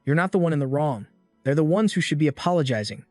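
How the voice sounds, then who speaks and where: A man's voice: a little high, lively intonation, fast, darkish tone, no echo, soft background music, close to an everyday voice. A man voicing a determined, defiant young male student in a recap story. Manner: resolute, defiant.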